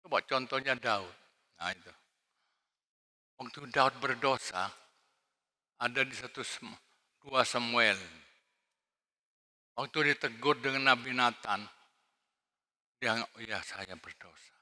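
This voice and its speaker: A male pastor preaching a sermon, swinging between shouted emphasis and quiet asides. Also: medium pitch, slow pace, long pauses. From Indonesia. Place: large church hall. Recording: long hall reverb.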